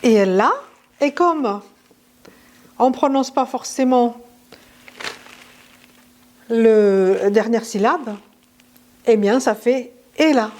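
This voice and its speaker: Casting: woman language teacher, slightly high voice, unhurried, chatty with lots of filler. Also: darkish tone. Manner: chatty, many fillers and restarts. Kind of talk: casual video lesson.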